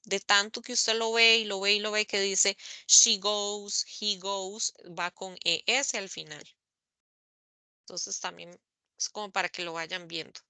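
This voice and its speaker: A woman teaching English grammar in an online class, speaking slowly and carefully, spelling out letters and repeating examples. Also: mid-range voice, little pitch movement, bright, forceful tone, clear, resonant tone, dry recording. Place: online meeting recording.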